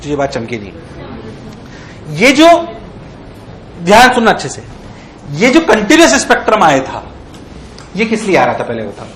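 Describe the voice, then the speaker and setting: A man lecturing on physics in a lively way, often asking the class if it is clear. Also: high voice, normal speed, long pauses, slight background noise. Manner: acts out electrons in playful voices. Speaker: physics teacher. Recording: echoey classroom.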